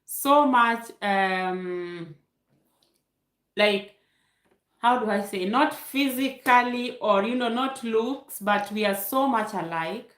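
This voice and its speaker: A young Kenyan woman whose first language is Luo hosts a relaxed live Q&A stream on YouTube, reading viewer comments aloud and laughing often. She speaks slowly with a Kenyan accent in a mid-range, slightly bright voice, and the room sounds echoey.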